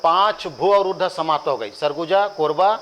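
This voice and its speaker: A man's voice: on the high side, moderate pace, a bit bright, low-quality recording. A man with a Chhattisgarhi accent teaching a coaching class, drilling lists by rhythmic repetition with joking asides to students. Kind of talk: classroom lecture with chanted drills.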